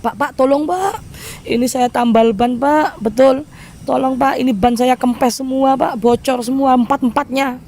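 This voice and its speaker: A man's voice: very high voice, moderate pace, a little mellow, slight background noise, pitched above the performer's own voice. A man voicing a frantic wealthy stranger who begs for help in the middle of the night. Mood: pleading. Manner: urgent pleading.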